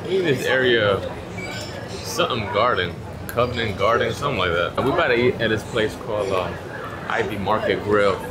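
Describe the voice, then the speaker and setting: A man's voice: fairly low pitch, brisk. Laid-back man vlogging. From Southern US (Atlanta). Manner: laid-back, slangy, talks to camera. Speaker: family vlogger, father. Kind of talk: casual travel vlog chat. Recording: loud background noise while traveling.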